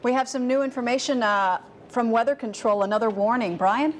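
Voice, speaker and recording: A woman's voice: on the high side, a little fast, slight background noise. A woman news anchor giving live, partly ad-libbed commentary between reports.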